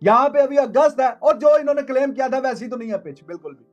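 A man's voice: extremely high pitch, expressive, fast, lo-fi sound, soft background music. A man, giving sarcastic cricket commentary in a studio, mocking and repeating phrases for emphasis. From Pakistan. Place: indoor studio.

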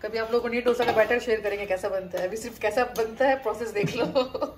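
A chatty young woman from India narrating a home vlog on a phone camera, pitched a little high. She walks viewers through the garden and kitchen, talking to them and her family as she films. A faint hiss of background noise sits under her voice. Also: steady tone, quick pace. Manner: chatty, talks to viewers and family while filming. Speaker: family vlogger.

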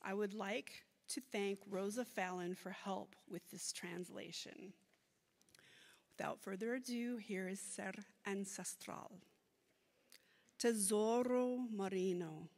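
A woman's voice: medium pitch, creaky. An American woman reading poetry at a podium, moving between English and non-native Spanish with an American accent. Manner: slow, deliberate delivery with careful non-native Spanish. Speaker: poet reading own work. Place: auditorium stage at a podium. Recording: echoey hall with long reverb.

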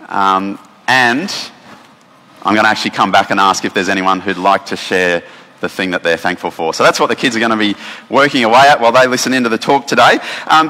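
A man with an Australian accent preaching a casual sermon, chatty and relaxed, with many fillers and restarts. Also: medium pitch. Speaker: pastor. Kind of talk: casual sermon with instructions for children. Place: church hall. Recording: long reverb of a church hall.

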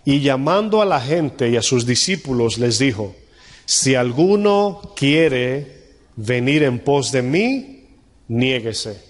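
A man's voice: medium pitch, in a large hall. A male pastor preaching a sermon to his congregation, speaking conversationally and often putting rhetorical questions to the listeners.

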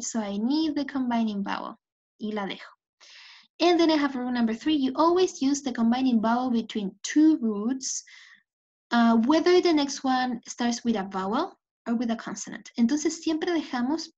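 This dull, lo-fi recording captures a bilingual lecture by a woman English teacher with a fairly high, slightly mellow voice. A native Spanish speaker, she covers each point in English, restates it in Spanish, and often checks understanding with "¿ok?".

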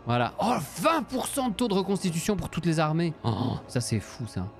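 A man's voice: on the high side, wildly swooping pitch, normal speed, gravelly, faint music behind. A man from Belgium, casually commenting on a strategy game while thinking aloud and thanking viewers. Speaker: streamer.

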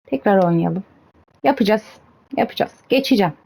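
A woman's voice: mid-range voice, lively intonation, brisk, creaky, mellow, soft background music. A young woman giving casual commentary on her own gameplay, cheering herself on and getting exasperated. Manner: chatty, self-cheering, exasperated at the game. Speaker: gaming streamer.

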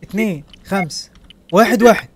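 A man's voice: high voice, a little fast, noisy background. A man with an Egyptian Arabic accent hosting a let's-play, joking and teasing his co-player as he plays. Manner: joking, teasing, laughs often. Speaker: gaming channel host. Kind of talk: casual let's-play commentary.

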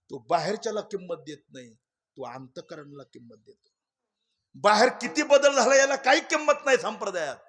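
High-voiced preacher with wide swings. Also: male voice, gravelly. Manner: swings between loud exclamations and hushed asides, addresses listeners as "deva". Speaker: kirtankar preacher. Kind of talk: Marathi kirtan sermon with storytelling.

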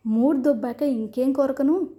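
A woman's voice: high-pitched, normal speed, mellow, close to an everyday voice. A woman voicing a proud, defiant young bride in a storybook reading, firm and indignant.

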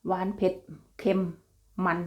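A young woman with an Isan accent chatting casually to her viewers in a vlog, laughing often and calling them brothers and sisters. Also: measured pace. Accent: Isan (Northeastern Thai). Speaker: vlogger.

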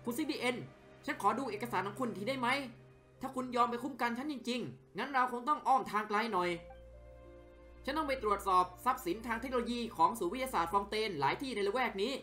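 Brief: tired male scientist in a game, read aloud by a man, flat and matter-of-fact. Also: very high voice, quick pace, soft background music, voice pushed up. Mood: curt. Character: weary dry male researcher. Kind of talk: reading game dialogue aloud.

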